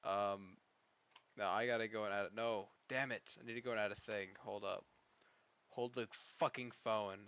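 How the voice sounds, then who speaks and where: A man live-streaming a game, talking to his chat in a rambling, profane, excitable way. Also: on the low side, normal speed, clear, resonant tone, dull audio.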